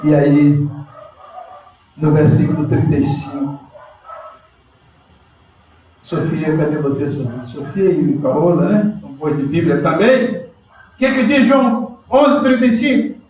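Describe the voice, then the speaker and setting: Animated pastor preaching in an echoey hall. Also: male voice, a little high, a little slow, pauses often, recorded from a distance, highs cut off, slight background noise. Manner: lively preaching, quizzes the congregation by name. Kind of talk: sermon.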